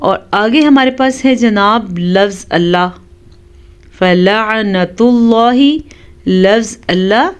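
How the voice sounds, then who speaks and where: A woman teaching Quran recitation rules, explaining each one calmly and reciting words slowly and drawn out. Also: mid-range voice, clean tone, muffled recording. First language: Urdu. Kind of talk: tajweed lesson with slow recitation.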